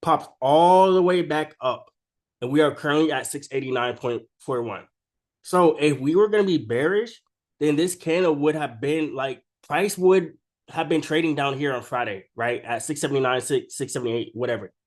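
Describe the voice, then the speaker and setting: A man with a fairly high-pitched voice speaks at a moderate pace while sick with a cold. As a trading video creator, he gives casual, unscripted chart commentary full of slang, constantly tagging his statements with "right?"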